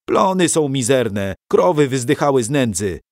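Storybook knight, blustering, booming, high and loud, as a man puts him on, dry sound. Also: sing-song, moderate pace, dry recording, lightly acted. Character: hot-tempered mustached male knight, blustering.

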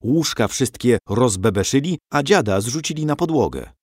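A man narrating a historical storybook in a lively, animated way. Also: medium pitch, normal speed, dry recording, clean studio sound. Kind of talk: storybook reading.

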